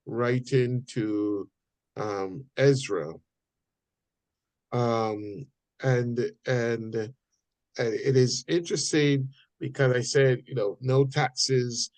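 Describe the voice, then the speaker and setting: A man leading a church Bible study group, talking in a halting way with many fillers and repeated words. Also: medium pitch, a little mellow, no echo. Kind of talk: casual group discussion. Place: church meeting room.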